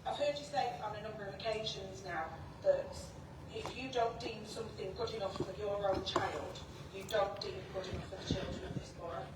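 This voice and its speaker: Brief: woman councillor questioning, distant mic, roomy hall, loud background noise. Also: mid-range voice, fairly even intonation, brisk. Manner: pointed rhetorical questions. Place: council chamber. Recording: echoey chamber, far from mic, loud noise.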